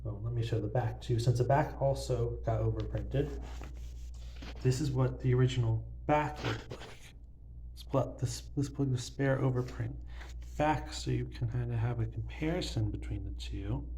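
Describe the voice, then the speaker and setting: Filming banknotes on his phone, a young man narrates his collection in a loose show-and-tell full of filler words. His medium-pitched voice is mellow and moderately paced, and the low-quality recording carries slight background noise.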